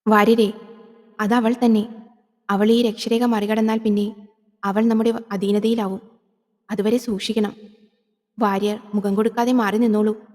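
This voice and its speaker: A woman's voice: mid-range voice, level tone, unhurried, long pauses, a little mellow, big-room sound, natural voice. A woman voicing a stern older male priest performing a ritual in a horror audio drama, speaking in a grave, commanding way.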